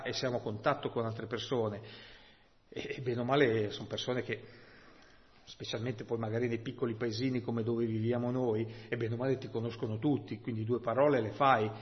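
A male preacher of ordinary pitch, unfolding a Bible passage with slow, weighty emphasis and frequent rhetorical asides to his congregation. The recording sounds dull and muffled, with a long church-hall reverb trailing behind his words. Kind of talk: sermon.

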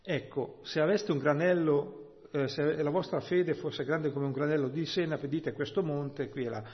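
A man preaching a sermon, expounding scripture slowly and emphatically, often checking in with "no?" and "hm?". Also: a little high, steady tone. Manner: slow, emphatic Bible exposition with rhetorical "no?" and "hm?". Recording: dull, long-reverb church hall sound.

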